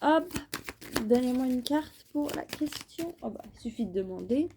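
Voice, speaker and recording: A woman's voice: high voice, animated, moderate pace, noisy background. A woman giving a casual astrology and tarot reading, chatty and playful, often repeating her phrases. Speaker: tarot reader.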